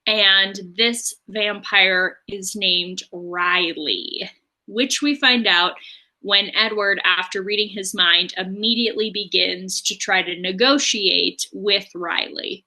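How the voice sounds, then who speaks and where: A woman co-host recaps a book for her podcast, chatty and loose, filling pauses with "um" and "like." Her voice is bright and forward, at a medium pitch. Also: fairly even intonation. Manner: chatty recap with fillers and laughs. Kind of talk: casual book discussion.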